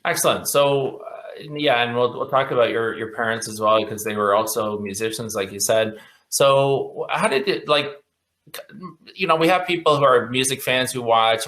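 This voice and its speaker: Bright-voiced man hosting an online event. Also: mid-range voice. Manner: enthusiastic, heavy on "uh" fillers. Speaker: host. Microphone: video call mic.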